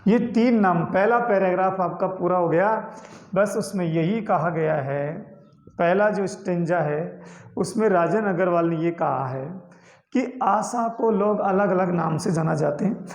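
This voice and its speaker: A male teacher lecturing a class on a poem, slowly repeating key terms and mixing English words into his Hindi explanations. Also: high voice, roomy sound. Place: classroom with a board.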